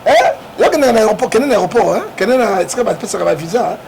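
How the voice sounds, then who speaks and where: A man from the Congo speaks with a Congolese French accent, his voice pitched high and rough with gravel. He argues hard, pushing his points and tagging them with quick questions to the listener. A steady noise runs under the recording. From Democratic Republic of the Congo. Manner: emphatic, keeps asking "hein?" to prod the listener. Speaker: interview guest. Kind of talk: animated political talk. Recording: noisy background.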